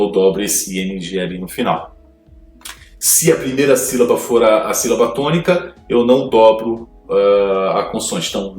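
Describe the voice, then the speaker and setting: A man teaching English grammar, explaining rules slowly with frequent pauses and fillers, reading out English terms within his explanation. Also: fairly low pitch, a little mellow, reverberant, distant mic. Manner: hesitant, many fillers, mixes Portuguese explanation with English terms.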